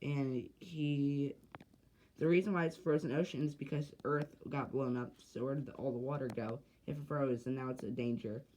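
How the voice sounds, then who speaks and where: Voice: medium pitch, steady tone, moderate pace, darkish tone, a little hiss or hum. A speaker casually narrating a homemade sci-fi short, hesitant and rambling with lots of fillers and restarts.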